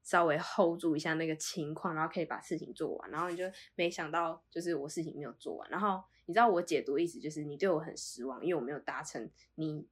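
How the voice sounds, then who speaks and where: Fast-talking woman telling a story. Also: sits low, husky. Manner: animated storytelling, acts out her own quoted lines. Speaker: podcast co-host. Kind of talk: casual chat.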